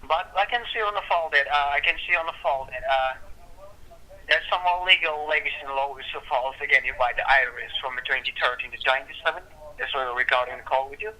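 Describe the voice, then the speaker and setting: A man speaking in a repetitive, formal, halting call-center manner as a scripted phone caller posing as an official, over a thin phone line. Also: medium pitch, sharp tone. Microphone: telephone call.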